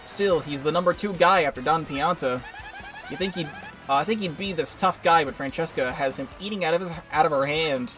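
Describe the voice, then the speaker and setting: A man's voice: on the high side, brisk, a bit bright, faint music behind, natural voice. A man voicing a chatty, gossiping townsperson in a confiding, near-natural voice. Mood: gossipy. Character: chatty male townsperson, gossiping about the mob.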